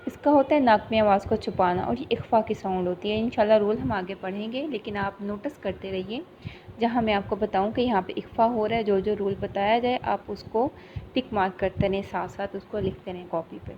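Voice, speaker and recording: A female Quran teacher with a Pakistani Urdu accent giving a tajweed lesson. She recites slowly and repeats syllables over and over as a drill. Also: medium pitch, lo-fi sound, a little hiss or hum.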